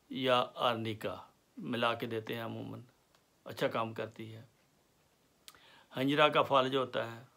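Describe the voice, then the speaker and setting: Speaking with a medium pitch and a rough, gravelly fry, this man teaches homeopathy in an unhurried, explanatory lecture. He lists symptoms slowly and deliberately, leaning on pauses and gentle filler sounds between points.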